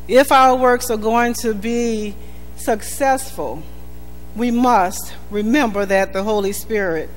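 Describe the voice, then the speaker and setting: A woman pastor delivering a sermon in an earnest, emphatic preaching style, repeating key phrases for weight. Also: medium pitch. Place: church sanctuary. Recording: reverberant church hall with faint music.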